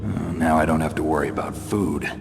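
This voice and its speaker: A man voicing a gruff, cynical special operations soldier in a video game, terse and sardonic. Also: a bass voice, fairly even intonation, a little fast, heavy background noise. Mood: wry. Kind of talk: dramatic video game voice acting. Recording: long hall reverb, music behind.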